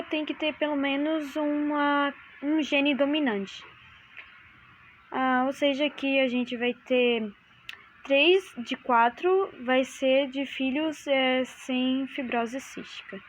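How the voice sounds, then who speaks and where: Teen girl talking thru a genetics problem out loud, kinda high voice, hesitant. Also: slow pace, muffled recording, slight background noise. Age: late teens. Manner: thinks aloud while writing, hesitant. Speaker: student explaining a genetics problem. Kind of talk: improvised homework explanation.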